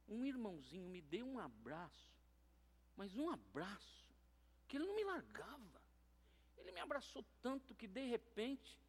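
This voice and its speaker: A Brazilian pastor with a high-pitched voice preaches in a church. He is playful and joking, dropping to quiet asides one moment and calling out loudly to the congregation the next. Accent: Brazilian Portuguese. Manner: playful and humorous, shifting between soft asides and loud calls. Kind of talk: lively sermon. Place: church sanctuary.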